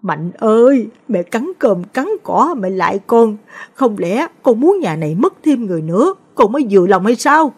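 A grieving old grandmother cries out in a high, strained wail, sobbing over her dead, as a woman storyteller puts her on. Her voice climbs well above the reader's own and swells loud. It has a husky, breathy grain. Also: animated, moderate pace. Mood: pleading. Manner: wailing, shrill lament. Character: grief-stricken old village grandmother, wailing and fierce.

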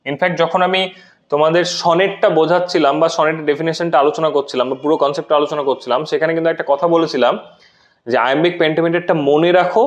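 Male lecturer, patient and clear, talks straight to students, slightly raised pitch. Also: dull audio. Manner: patient, explains step by step, addresses students directly. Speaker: teacher. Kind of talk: recorded literature lecture for students.

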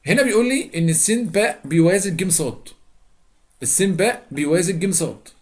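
Young Egyptian male teacher, rapid and higher-pitched, casual lesson talk that quizzes the class. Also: expressive. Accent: Egyptian Arabic. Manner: quick, chatty, repeats steps and quizzes students. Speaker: math teacher. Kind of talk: geometry lesson explanation.

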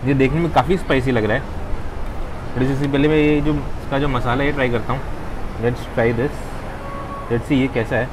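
A young man in his twenties hosting a casual food vlog, tasting dishes and describing flavors in a relaxed way with pauses to chew, on a lapel mic outdoors. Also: medium pitch. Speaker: food vlogger. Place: outdoor rooftop restaurant terrace. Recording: outdoor noise in background.

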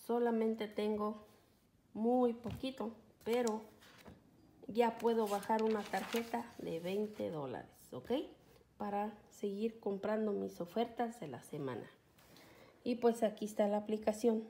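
Slow, gravelly-voiced woman vlogger. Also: medium pitch, mellow. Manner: chatty, keeps checking in with "ok?". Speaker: couponing vlogger. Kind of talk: casual tutorial talk to viewers. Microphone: phone camera filming a phone screen, off screen.

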